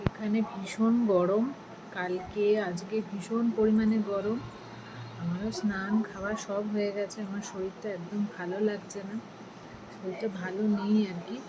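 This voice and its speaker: A woman vlogger who is hoarse from a sore throat, talking casually with effort in a weak, breathy voice. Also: mid-range voice, flat delivery, moderate pace, background noise. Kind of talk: casual vlog voice-over.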